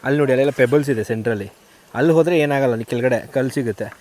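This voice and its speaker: A man hosting a camping vlog outdoors by a river, explaining things calmly in casual chat. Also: very fast. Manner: explains calmly, then talks high and loud to his small child. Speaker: vlogger host.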